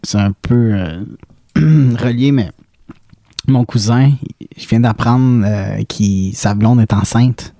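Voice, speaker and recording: A man's voice: medium pitch, slow, mellow, no room sound, clean studio sound. A man with a Quebec French accent, co-hosting a podcast, chatting casually with some hesitant fillers. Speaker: podcast co-host. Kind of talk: casual chat.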